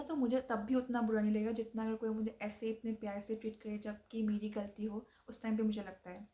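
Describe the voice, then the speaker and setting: A woman's voice: fairly high pitch, mellow. A young woman from Assam telling a personal story casually, with fillers and restarts and bits of English mixed in. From Assam, India. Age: young adult. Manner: chatty, frequent fillers and restarts, mixes in English phrases.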